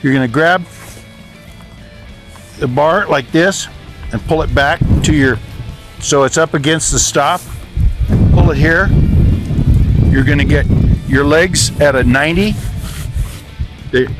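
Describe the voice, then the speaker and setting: A man with a slightly raised voice coaches riders outdoors. He walks them through each move patiently, in loose, halting phrases. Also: fairly high pitch, a bit bright. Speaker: riding coach. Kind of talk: hands-on outdoor instruction. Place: outdoors on a desert training ground.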